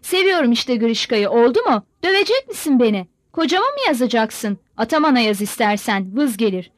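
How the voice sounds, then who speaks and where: A woman's voice: on the high side, animated, moderate pace, no room sound, lightly acted. A woman reader voicing a fiery, scornful young village woman who lashes out in an angry, insulting tirade. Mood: furious defiant. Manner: furious shouting tirade, insulting.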